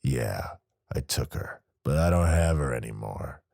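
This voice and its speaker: A man's voice: extremely low pitch, expressive, a little slow, gravelly, a little mellow, no echo, studio quality, voice pushed down, full character voice. A man voicing a crude, menacing male small-time criminal in an audiobook, swearing and sneering. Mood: defensive. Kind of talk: audiobook character voice.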